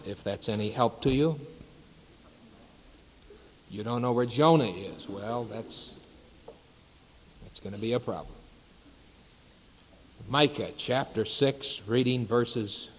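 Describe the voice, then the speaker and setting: A male pastor preaching and praying in a church sanctuary, measured and unhurried, with reverent pauses. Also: mid-range voice, slightly rough. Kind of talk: sermon. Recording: long reverb of a large sanctuary.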